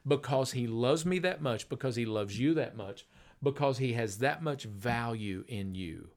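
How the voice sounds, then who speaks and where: An older man preaching in an easy conversational way, like a radio host telling a story. His voice sits in a middle pitch, and he stays earnest. He slows right down when he stresses a point. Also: lively intonation.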